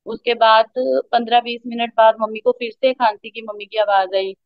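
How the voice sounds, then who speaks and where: A woman gives a heartfelt personal testimony at a satsang, speaking straight to the congregation with deep feeling. She drops English words into her talk. The recording is dull and muffled, with a dry, close sound. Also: level tone, normal speed, no room sound. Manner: emotional, addresses the congregation as sangat ji, mixes in English words. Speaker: devotee sharing a testimony.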